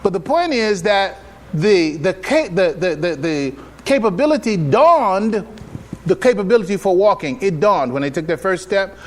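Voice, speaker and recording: Very animated and high-voiced, this imam gives a religious public address, teaching his audience with emphatic rhetorical questions. He repeats himself for effect and speaks in a deliberate, halting way.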